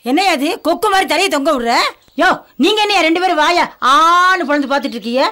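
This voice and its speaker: An actress playing an older grandmother who loudly and sharply scolds the people around her. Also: extremely high pitch, expressive, fast talker, full character voice. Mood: scolding. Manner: loud, scolding, sharp-tongued. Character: fierce scolding village grandmother. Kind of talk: film drama dialogue.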